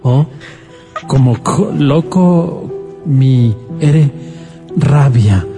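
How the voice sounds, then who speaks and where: A man judging a radio contest, reciting a slow mock-romantic acrostic. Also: medium pitch, expressive, dark tone, faint music behind. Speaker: radio co-host, contest judge.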